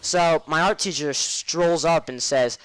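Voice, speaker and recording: A man's voice: fairly high pitch, measured pace, a bit bright, clear, resonant tone, no echo. A man telling crude school stories over gameplay commentary, rambling, swearing, and drifting off topic. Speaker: gaming commentator. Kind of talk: casual game commentary and storytelling.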